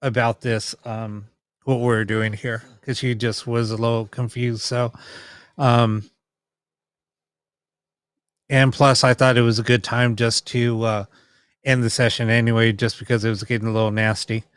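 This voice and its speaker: A man's voice: mid-range voice, little pitch movement, measured pace, pauses often, clear, resonant tone, no room sound, studio quality. A man hosting a paranormal live stream, chatting casually and explaining things to viewers in a rambling, informal way. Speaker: host of a ghost box session live stream.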